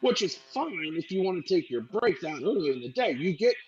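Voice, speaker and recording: A man's voice: high-pitched, very animated, a little fast, darkish tone, breathy edge, no echo, dull audio. A man co-hosting a casual talk radio show, telling a long story with many restarts and filler sounds. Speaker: podcast co-host.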